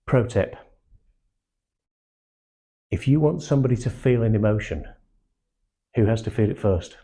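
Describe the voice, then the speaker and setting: An older man from Manchester with a hard-to-place English accent, giving a blunt, animated sales training talk to a small group and slipping into acted-out quotes. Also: on the low side, unhurried, slightly rough. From Manchester, England. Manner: blunt and animated, acts out quotes, swears casually.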